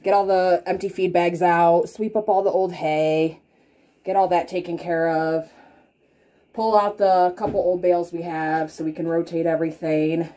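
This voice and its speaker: Filmed on a handheld phone as she moves around the barn and outdoor farmyard, a woman in her thirties runs a homestead vlog. She casually narrates her chores step by step, chatty and practical, in a fairly low, mellow voice with flat delivery at normal speed.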